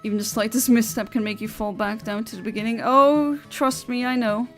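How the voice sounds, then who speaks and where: A woman's voice: fairly high pitch, steady tone, brisk, soft background music. Chatty woman on a livestream headset. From Luxembourg. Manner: chatty, giggly, rambling with restarts. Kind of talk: casual chat reading out viewer comments.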